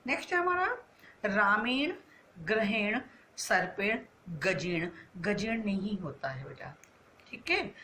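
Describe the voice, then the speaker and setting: A woman's voice: medium pitch, expressive, takes it slowly, pauses often, sharp tone, a little hiss or hum. A woman teaching a Sanskrit lesson to schoolchildren, asking questions and answering them herself, stretching out the answers. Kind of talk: online class lesson.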